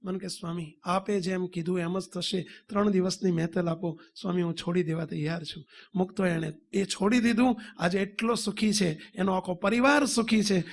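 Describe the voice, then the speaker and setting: High-voiced Gujarati swami preaching. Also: male voice, steady tone, normal speed, a little hiss or hum. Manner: addresses devotees, acts out dialogue. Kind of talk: storytelling sermon.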